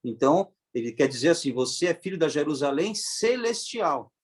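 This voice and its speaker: A man leading a Sunday Bible class who explains the text in a measured way and asks rhetorical questions. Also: a little high, very animated, slightly rough. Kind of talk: Sunday school teaching.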